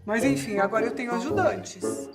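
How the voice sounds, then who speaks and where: A woman's voice: fairly high pitch, lively intonation, normal speed, music in the background, close to an everyday voice. A woman playing a vain, scheming villainous aunt in a church kids' skit, talking theatrically and admiring herself. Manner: theatrical, self-admiring, grumbling.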